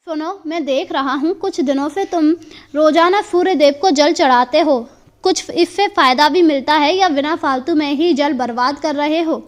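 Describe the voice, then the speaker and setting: A grumbling, jealous merchant from a folk tale protests in a whiny, high voice, as a woman reads him out. He complains and bristles, his lines delivered in a simple storybook manner. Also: moderate pace, lightly acted. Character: greedy, jealous middle-aged male merchant. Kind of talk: storybook character voice.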